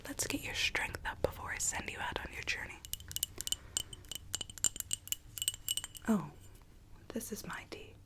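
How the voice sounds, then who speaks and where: A woman's voice: normal speed, lightly acted. Whispering sweet rogue storybook Alice played by a woman. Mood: gently coaxing. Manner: soft, coaxing, theatrical storytelling. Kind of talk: whispered ASMR roleplay.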